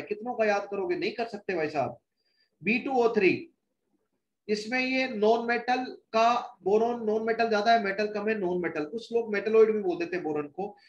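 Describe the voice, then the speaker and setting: A man with a high voice lectures on chemistry. He works through each step and keeps asking his students rhetorical questions. The sound is roomy and echoing, like a bare classroom. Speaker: chemistry teacher.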